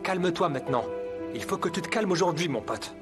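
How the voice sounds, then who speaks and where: Man voicing a high-voiced, exasperated peacemaker son; lively delivery, music bed. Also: brisk, close to an everyday voice. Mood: coaxing. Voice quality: coaxing, exasperated. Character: harried grown son trying to keep the peace. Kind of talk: dubbed television drama.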